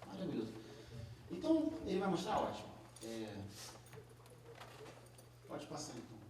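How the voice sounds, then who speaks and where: A man's voice: a little high, huge pitch swings, moderate pace, noisy background. A man with a Brazilian Portuguese accent giving a live classroom lecture, explaining step by step with frequent tag questions and restarts. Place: large echoey lecture room. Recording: echoey hall recorded from a distance.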